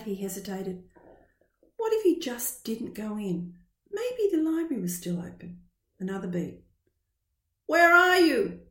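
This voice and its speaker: A woman narrating a children's science-fiction story as an audiobook reading, with expressive, even storytelling. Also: mid-range voice. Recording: roomy echo.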